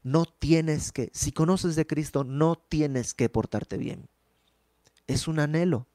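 A man's voice: fairly high pitch, takes it slowly, warm tone, no echo. A man preaching a conversational sermon, explaining Bible verses with rhetorical questions and everyday examples.

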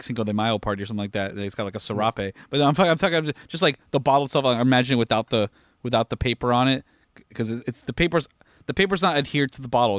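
A tired young man talks fast on a podcast, piling on fillers and swearing as he rants. The sound is close and dry, with no room around it. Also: medium pitch, no room sound. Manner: profane, rapid rants with frequent fillers. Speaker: podcast co-host. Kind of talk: casual podcast chat.

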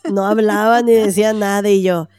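A woman's voice: medium pitch, fairly even intonation, normal speed, darkish tone, smooth, no room sound. A woman with a Mexican accent telling a personal story in casual chat, acting out the voices she quotes and using slang.

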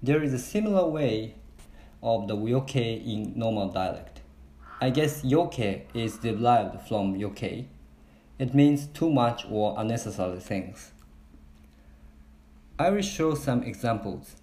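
A man's voice: mid-range voice, expressive, drawn-out words, dark tone. A man with a Kansai accent hosting a podcast lesson on his dialect, switching between Japanese and careful, non-native English explanations. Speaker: podcast host and dialect teacher. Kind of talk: bilingual language lesson podcast. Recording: roomy echo.

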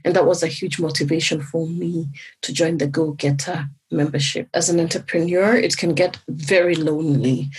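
Woman from Kenya, business coach, emphatic promo testimonial, deeply husky voice. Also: a little mellow, low-quality recording.

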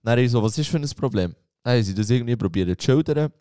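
A man's voice: mid-range voice, lively intonation, fast, warm tone, smooth, no echo, clean studio sound. A man, telling a story to friends in a casual chat and acting out the voices of the people in it. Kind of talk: casual anecdote.

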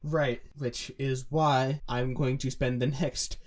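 A young man co-hosting a casual music analysis show. He talks through how a singer shapes her vowels and sings short sounds to show the difference. His voice sits at an ordinary middle pitch. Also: level tone, takes it slowly. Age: young adult. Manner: explains pronunciation by demonstrating sounds.

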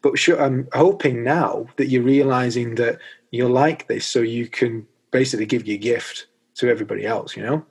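Husky Northern English male interviewer. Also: medium pitch, steady tone. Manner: halting, repeats words as he searches for phrasing. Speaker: podcast host interviewing a guest. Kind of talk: conversational interview.

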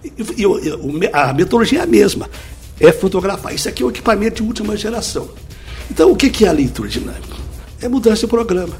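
A middle-aged man, explaining a teaching method as an interview guest through lively step-by-step examples. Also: high voice, quick pace, soft background music. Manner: lively, didactic, full of examples. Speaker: speed-reading teacher, guest.

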